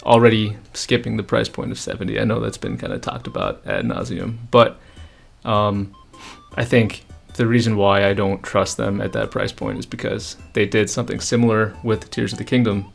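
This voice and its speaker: Low gravelly man with flat delivery. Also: soft background music. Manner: opinionated, measured, frequent "um" and "I think". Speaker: gaming channel host. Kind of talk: unscripted casual commentary.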